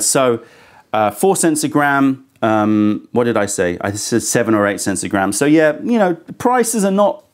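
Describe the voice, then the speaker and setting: With a medium-pitched voice, the host, a man in his thirties, tastes and reviews tea casually on a sofa-furnished indoor studio set. He wears a lapel mic and offers honest, thoughtful opinions with a bit of criticism.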